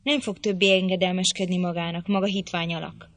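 Defiant sharp-tongued young woman read by a woman, lowish voice, dry sound. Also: little pitch movement, no echo, natural voice. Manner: bold, defiant.

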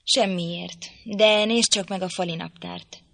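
A woman's voice: fairly low pitch, steady tone, creaky, a bit bright, no room sound. A woman voicing a brooding, resentful young man in an audiobook, speaking in a heated, reproachful way. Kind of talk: audiobook reading.

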